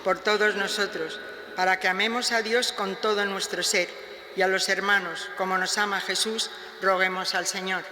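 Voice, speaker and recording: A man's voice: high-pitched, level tone, moderate pace, bright, forceful tone, slight background noise. A man reading prayers of intercession at Mass in a formal, solemn recitation, echoing through a large church. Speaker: lay reader of the prayers of the faithful. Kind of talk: read liturgical intercessions. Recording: echoey church with long reverb.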